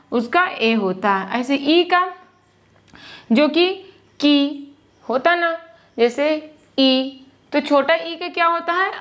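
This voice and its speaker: A woman's voice: sits high, a bit bright. A young woman teaching English spelling in a live lesson, explaining step by step and checking in often.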